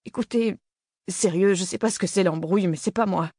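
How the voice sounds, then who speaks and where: A man's voice: high-pitched, fairly quick, a little mellow, no room sound, studio quality. A man reading an audiobook voices a nervous, slangy nineteen-year-old hiker who is half stoned. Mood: defensive. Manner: slangy, defensive, mumbling.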